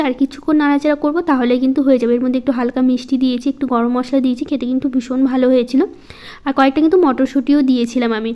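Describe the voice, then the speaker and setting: A woman narrating her home vlog in a slow, soft-spoken, halting way. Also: high-pitched. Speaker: home vlogger. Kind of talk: casual voice-over vlog.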